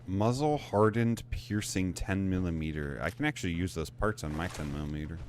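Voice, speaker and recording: A man's voice: low voice, brisk, a little hiss or hum. A man giving casual, chatty gameplay commentary, rambling and correcting himself as he plays. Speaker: gaming video creator.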